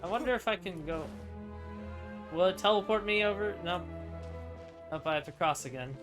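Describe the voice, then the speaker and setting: Over clear game music, a male gamer talks through a playthrough, voicing opinions and thinking out loud in a casual way. His voice sits high, at a moderate pace.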